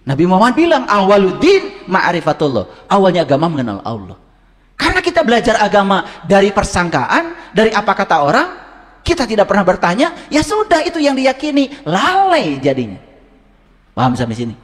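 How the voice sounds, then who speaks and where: A male preacher giving a humorous sermon, joking and quizzing his audience with questions. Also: fairly quick. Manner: lively, rising to high emphatic pitch. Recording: long hall reverb.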